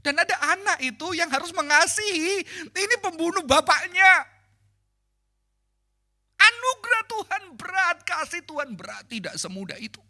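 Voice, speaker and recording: Animated, bright-voiced male preacher. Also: very high voice, normal speed. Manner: animated and conversational, dropping in English phrases and acting out quotes. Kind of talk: sermon at a church prayer service.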